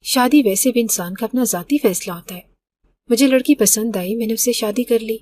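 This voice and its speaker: A man's voice: very high voice, darkish tone. A woman voicing her grown son, who speaks in a curt, dismissive way. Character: grown son, brusque and defiant.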